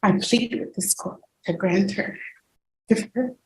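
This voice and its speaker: A woman testifying as a witness in a courtroom recording, speaking softly and pleading. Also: mid-range voice, unhurried. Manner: pleading, soft-spoken. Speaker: witness, defendant's mother. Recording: echoey courtroom audio from far off, faint noise.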